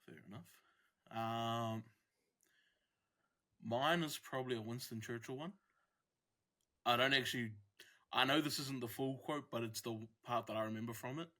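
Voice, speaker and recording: A man co-hosting a casual podcast chat, animated and quick to laugh. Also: mid-range voice. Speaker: podcast co-host.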